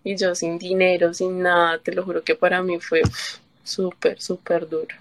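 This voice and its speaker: A woman from Colombia tells her personal story as an interview guest, her voice slightly low. She talks in halting runs, restarts often, and acts out what others said to her. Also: flat delivery, no room sound. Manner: halting, with fillers and restarts, quotes herself and others. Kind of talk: emotional personal testimony.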